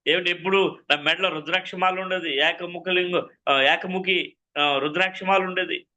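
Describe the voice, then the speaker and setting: Male preacher, fervent and repetitive, sharp bright tone. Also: high-pitched, steady tone, moderate pace, highs cut off. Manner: fervent, repetitive, addresses listeners often. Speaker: preacher giving his testimony. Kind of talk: testimony sermon.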